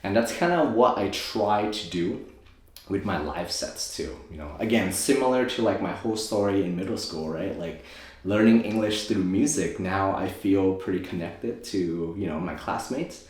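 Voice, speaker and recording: Low-voiced young man in echoey room. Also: lively intonation, moderate pace. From Thailand. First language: Thai. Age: 20s. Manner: rambling, filler-heavy, self-correcting. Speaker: guest, optometrist and DJ. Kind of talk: casual interview storytelling.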